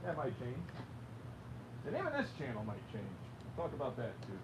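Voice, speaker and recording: An American livestream host and DIY woodworker talks casually and unscripted, fairly quickly, with wildly swooping pitch, rambling half to himself as he works. Machinery rumbles in the noisy workshop around him.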